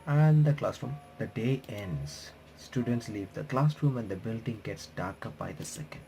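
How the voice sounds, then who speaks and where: This game reaction host has a fairly low, mellow, expressive voice with vocal fry, talking at a normal speed. During a playthrough he reads the text out loud, reacts casually and trips over words. Game music sits faintly in the background.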